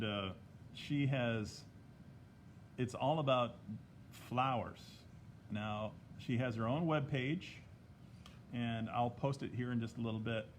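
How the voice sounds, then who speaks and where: A man's voice: fairly low pitch, slight background noise. A man chatting casually while leading a drawing lesson to a live audience, greeting viewers by name along the way. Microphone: tablet microphone.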